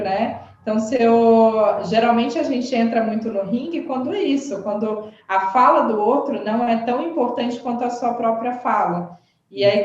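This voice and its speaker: A woman explaining communication habits in conversation, animated and tagging her sentences with questions. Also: on the high side. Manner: animated, frequent "né?" tags. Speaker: communication expert guest. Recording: very echoey dull-sounding room.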